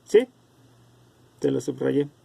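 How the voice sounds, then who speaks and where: Slow, gravelly male teacher on a video call. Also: mid-range voice, animated, dark tone. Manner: explains slowly, calls on students by name. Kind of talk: online class lecture.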